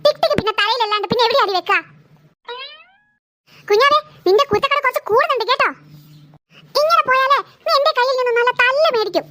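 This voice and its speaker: A woman's voice: extremely high pitch, fast talker, long pauses, sharp tone. A woman voicing an exasperated cartoon mother who nags and scolds her two quarreling daughters. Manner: scolding, fed-up, nagging. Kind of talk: cartoon voice acting.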